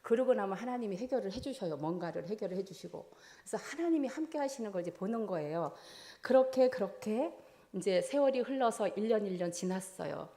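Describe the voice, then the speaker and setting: Mellow-voiced woman giving church testimony. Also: medium pitch, expressive, a little fast. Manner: earnest storytelling, acting out her own prayers. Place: church service.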